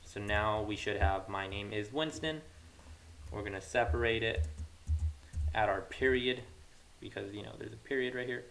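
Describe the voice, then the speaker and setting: Speaking at a normal speed, this young male coding tutorial host has a fairly low pitch and a fairly bright tone. He thinks aloud casually while working, captured on a hissy mic amid keyboard clatter and background hiss.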